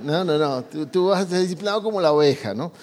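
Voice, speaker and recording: A man's voice: a little high, quick pace, darkish tone. A man preaching on parenting, talking to the congregation with many rhetorical questions. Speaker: pastor. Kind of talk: sermon on parenting. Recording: long reverb in a hall.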